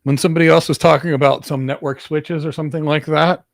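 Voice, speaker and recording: Speaking fast in a fairly high, creaky voice with fairly even intonation, this Greek-born cloud architect with an American accent hosts and responds to viewers' career questions. He's emphatic and often repeats words for stress, and the clean studio sound has no room tone.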